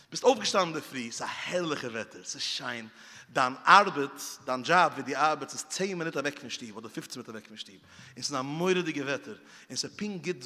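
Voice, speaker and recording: A man's voice: a little high, sharp tone. A man preaching a sermon, telling stories and repeating phrases for emphasis. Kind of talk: sermon with storytelling. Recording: long hall reverb.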